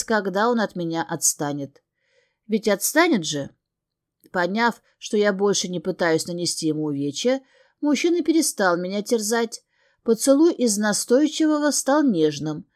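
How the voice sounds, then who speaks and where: A woman's voice: medium pitch, big pitch swings, normal speed, darkish tone. A woman reading a first-person fantasy novel aloud, earnest and emotional. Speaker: audiobook narrator.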